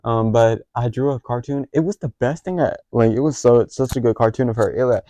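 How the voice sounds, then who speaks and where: A man's voice: mid-range voice, fairly quick, warm tone, no room sound. A teenage boy co-hosting a podcast, telling school stories in a rambling way with lots of fillers. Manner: rambling with many fillers and restarts. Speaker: podcast co-host. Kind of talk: casual chat, storytelling.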